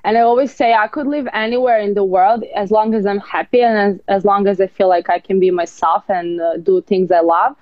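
A woman's voice: mid-range voice, steady tone, a little fast, hardly any pauses, dry recording, muffled recording. A woman in her twenties from Serbia, a guest talking openly and unhurriedly in a casual interview. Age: 20s.

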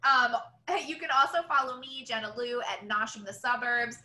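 A woman's voice: on the high side, brisk, pushed and bright, echoey room. A woman co-hosting a podcast in casual chat, chatty and giggly, with loose asides and running commentary. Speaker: podcast co-host.

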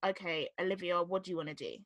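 Young British woman host, bright clear voice, chatty storyteller. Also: fairly low pitch, quick pace. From London, England. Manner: chatty, storytelling with quoted inner thoughts. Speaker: interviewer. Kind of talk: casual interview chat.

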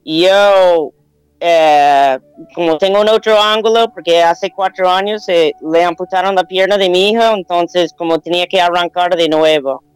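Calm middle-aged American woman speaking Spanish. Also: fairly low pitch, smooth, no echo, poor audio. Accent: American English. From United States. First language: English. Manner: calm, unhurried, mixes in English words. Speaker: guest astrologer and yoga teacher. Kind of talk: remote interview over a call.

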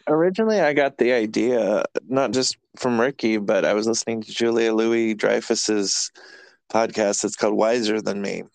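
A man's voice: lowish voice, normal speed, vocal fry, dry recording. A man hosting a podcast, chatting casually in a rambling, self-deprecating way and laughing often. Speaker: podcast host. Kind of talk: casual chat.

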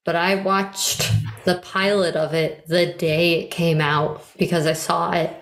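A woman's voice: on the low side, flat delivery, a little slow, reverberant. A woman co-hosting a casual chat about TV shows, enthusiastic and full of fillers. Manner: enthusiastic, chatty, many fillers. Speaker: podcast co-host.

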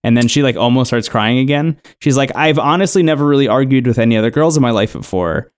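Podcast co-host, male, casual recapper, mid-pitched, rambling, filler-heavy delivery. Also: quick pace. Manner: relaxed storytelling, many "like" and "um" fillers. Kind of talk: casual chat.

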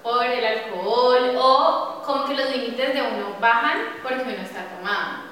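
A young woman joins a casual round-table chat, jumping in to retell what happened. Her voice is bright and sharp and a little high. She is recorded from a distance in an echoey room with a long reverb. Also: moderate pace. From Colombia. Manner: chatty, interjects, retells events. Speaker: panel guest. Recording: echoey room, mic far off.

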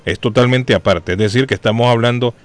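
A man's voice: medium pitch, fast talker, dry recording. A man hosting a call-in radio show, debating sports rules in a casual, argumentative way and hedging his points. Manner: argumentative, thinks aloud with hedges.

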